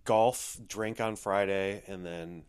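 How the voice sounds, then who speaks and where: Hungover American man with a lowish voice. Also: steady tone, slow, a little mellow, clean tone. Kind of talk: casual chat.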